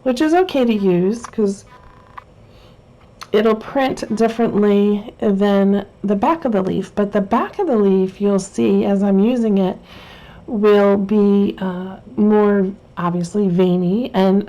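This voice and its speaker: Mellow-voiced woman teaching a craft. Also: mid-range voice, slow pace, poor audio. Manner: chatty, rambling, self-correcting with frequent fillers. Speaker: Bible journaling instructor. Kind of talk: casual craft tutorial.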